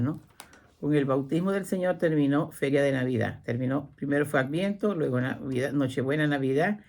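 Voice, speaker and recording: A woman's voice: a bass voice, dark tone. Woman retelling scripture with acted quotes. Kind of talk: religious talk show.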